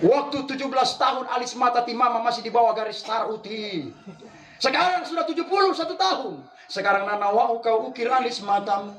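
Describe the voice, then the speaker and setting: A man's voice: very high voice, fairly quick, a bit bright. A man preaching a humorous sermon, teasing the women in his audience. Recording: echoey hall, distant mic.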